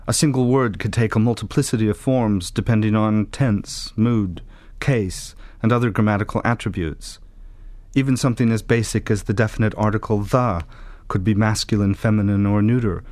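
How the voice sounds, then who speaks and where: A man giving scripted documentary narration in a measured, precise, explanatory way. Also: lowish voice, fairly even intonation, a little mellow, dry recording.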